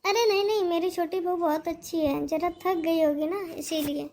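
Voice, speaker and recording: A woman voicing an ailing, kindly old mother-in-law in a cartoon story, speaking softly and pleadingly. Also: extremely high pitch, steady tone, normal speed, a little hiss or hum. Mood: gentle. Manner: soft, pleading, fond.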